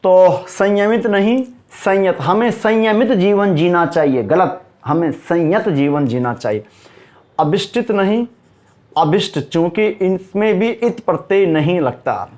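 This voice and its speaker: A man's voice: high voice, darkish tone. A man teaching a spoken grammar lesson, stressing and repeating each correct word form and speaking straight to his students. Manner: emphatic, repeats correct word forms slowly; addresses students directly, asks and answers himself.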